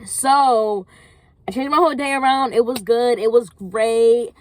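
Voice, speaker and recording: A woman's voice: a little high, a little slow. A young woman, talking casually in a vlog, encouraging viewers in a rambling way full of "like". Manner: rambling, heavy use of "like", encouraging. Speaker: vlogger. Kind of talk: casual motivational talk.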